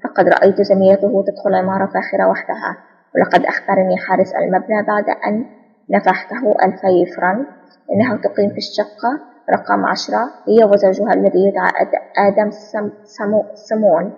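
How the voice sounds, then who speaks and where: Woman voicing an eager male agent, triumphant, fast and husky, audiobook. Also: medium pitch, flat delivery, big-room sound, highs cut off. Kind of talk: audiobook spy novel reading.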